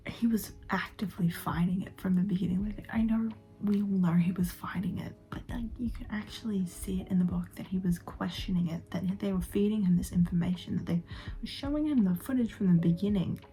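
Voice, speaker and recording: A young woman recording a late-night reading vlog in her bedroom on her phone. She talks in a hushed, often half-whispered voice and gushes emotionally about the book. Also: medium pitch, moderate pace, poor audio. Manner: gushing and emotional. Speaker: book vlogger.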